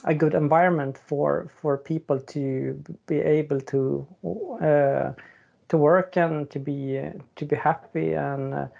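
A man's voice: on the high side, level tone, unhurried, vocal fry, a little mellow. A man in his forties, a leadership coach from Sweden, talking hesitantly with many fillers. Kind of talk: casual podcast chat. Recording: dull lo-fi remote audio.

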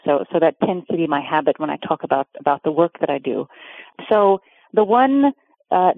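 A woman's voice: lowish voice, no room sound. A middle-aged woman from Oregon talks earnestly over a thin, phone-like line, explaining her work with repeated restarts. The sound is dry and boxy. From Oregon, USA. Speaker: guest, pet custody mediator. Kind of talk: conversational interview answers. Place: home in Cape Town, remote call.

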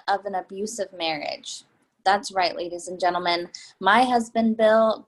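A woman's voice: high-pitched, husky, heavily acted, poor audio. A woman acts out a middle-aged woman begging from train passengers. The plea sounds practiced and aims for sympathy, delivered as readers theatre drama. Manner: sympathetic but rehearsed pleading. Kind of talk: readers theatre stage reading.

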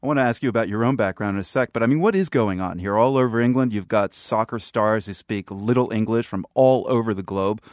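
A man's voice: on the low side, fast, hardly any pauses, no room sound, studio quality. A man hosting a broadcast interview, asking curious, light questions. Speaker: radio host.

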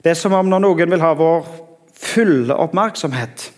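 A middle-aged man delivers a sermon, his voice a little higher than most men's. He talks to the congregation in a conversational way and often stops to search for words. A long reverb trails after each phrase, as in a large hall. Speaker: preacher.

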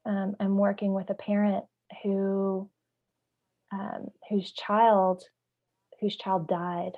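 A woman of middle pitch talks through ideas in a podcast discussion, pausing to search for words before building into a lively story. The recording sounds a little dull and lo-fi. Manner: thoughtful, searching for words, vivid when storytelling. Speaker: parent trainer.

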